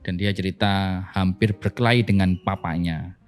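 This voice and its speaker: Male pastor, low voice, animated podcast storyteller who acts out quotes. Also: moderate pace, clean tone, faint music behind.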